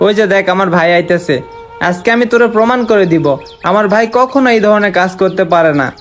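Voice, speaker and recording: A young man acting out an earnest, sorrowful man just back from years of work abroad, who talks in a heartfelt, pleading way. His voice sits high. Soft music plays faintly underneath. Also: quick pace, lightly acted. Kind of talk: amateur short-film acting. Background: faint background music.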